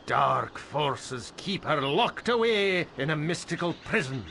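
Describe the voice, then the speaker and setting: A man's voice: on the high side, very animated, slow pace, gravelly, bright, forceful tone, slight background noise, heavily acted. An actor voicing a fawning, nervous man who tries to recruit a hero in a game cutscene, with flowery, obsequious speech. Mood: ingratiating. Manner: flowery, obsequious, stammering when flustered. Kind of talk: video game cutscene acting.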